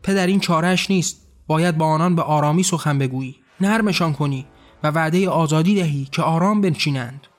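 A man voicing a calm, gentle male son figure who pleads for mercy toward others. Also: a little high, faint music behind, natural voice. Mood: pleading.

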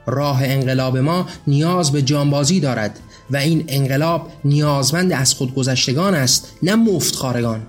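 A man's voice: mid-range voice, faint music behind, close to an everyday voice. A man voicing a zealous, vengeful male revolutionary in a read-aloud story. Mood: fervent. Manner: fervent.

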